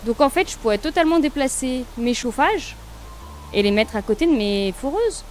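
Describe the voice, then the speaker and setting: A woman's voice: high voice, expressive, normal speed, slight background noise. A woman casually commenting on her gameplay, thinking aloud and chatting to viewers and the game. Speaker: let's play streamer.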